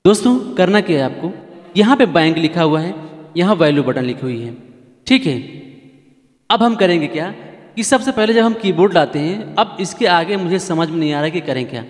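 A man's voice: high voice, animated, a little fast, big-room sound. A man hosting a casual how-to keyboard tutorial, chatty and repetitive, often asking viewers to keep watching. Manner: chatty, repeats points, pleads with viewers.

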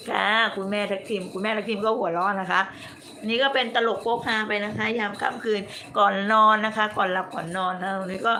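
A woman from Nakhon Si Thammarat in southern Thailand, whose accent blends Southern and Bangkok Thai, chats bluntly and coarsely with fans on a casual late-night livestream from a room indoors. Her medium-pitched voice is steady, pushed, and bright, fairly quick, with a little hiss or hum.

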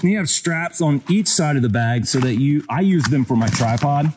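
Speaking at a normal speed in a somewhat high voice, a forties-aged man reviews a hiking backpack against a noisy background. He's an outdoor gear reviewer recording a casual vlog on a wooded trail with a handheld action camera at arm's length, and his relaxed talk is loaded with fillers.

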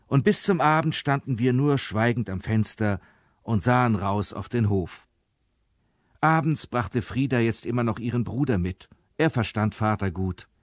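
A man reading a literary story aloud in a measured, storytelling manner. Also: mid-range voice, dry recording, studio quality. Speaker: narrator.

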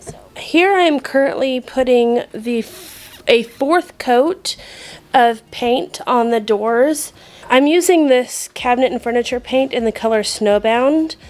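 Filming on a handheld phone at home late at night, a young woman chats through a casual vlog about her projects around the house. Her voice is fairly high with a darkish tone, and she keeps slipping into a whisper.

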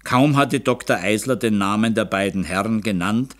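Male narrator, audiobook reading, low voice, calm and even. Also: moderate pace. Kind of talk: scripted narration.

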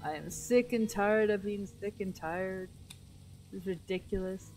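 A woman plays a city-building game and talks herself through each move at an unhurried pace. Her voice is wearing thin as she loses it, and she often restarts her sentences. Faint game music sits under her voice. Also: medium pitch, darkish tone, low-quality recording. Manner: thinks aloud, self-talk with frequent restarts. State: losing her voice. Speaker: gameplay streamer. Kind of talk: casual gameplay commentary.

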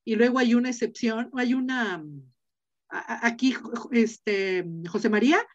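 Middle-aged woman, Mexican accent, teacher on a video call, higher voice, dull lo-fi audio. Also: unhurried. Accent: Mexican Spanish. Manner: chatty, asks students questions, many fillers. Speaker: Latin teacher. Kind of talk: online class lecture.

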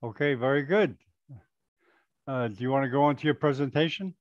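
A man's voice: medium pitch, brisk, dry recording. Older man hosting a dry-sounding webcast. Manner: chatty, hesitant, with fillers. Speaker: host. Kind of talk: casual webcast introduction. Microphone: headset on a video call. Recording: dry, dull video-call audio.

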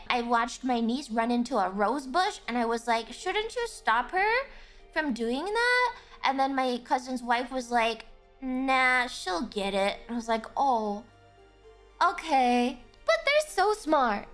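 A woman's voice: high-pitched, animated, normal speed, soft background music. A woman streamer telling stories casually on a livestream.

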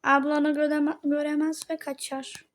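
A woman's voice: sits high, little pitch movement, moderate pace. A woman narrating a casual role-play story, chatting directly to her viewers.

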